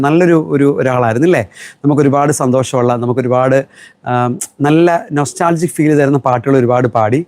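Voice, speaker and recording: A man's voice: medium pitch, dry recording. A middle-aged man from Kerala, a shop owner chatting through a live sales stream and answering viewer comments. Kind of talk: live-stream product selling.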